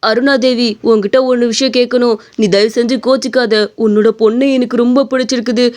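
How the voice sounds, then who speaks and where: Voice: medium pitch, steady tone, brisk, a little mellow, close to an everyday voice. A voice actor playing a pushy thirty-five-year-old male shop owner in a cartoon story, coaxing and insistent. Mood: wheedling. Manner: wheedling, persistent.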